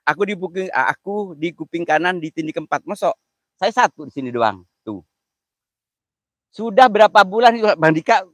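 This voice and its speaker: A man's voice: sits high, lively intonation, normal speed, dry recording. Joking male live-streamer, dry close sound. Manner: playful, laughs often, thanks viewers by name.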